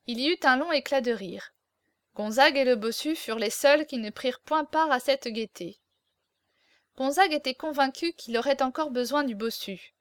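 High-voiced woman narrating an audiobook. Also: moderate pace, dry recording, studio quality. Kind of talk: audiobook narration of a classic novel.

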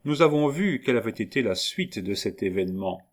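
A man giving a steady, measured scripted narration of a novel as an audiobook reader. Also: fairly low pitch.

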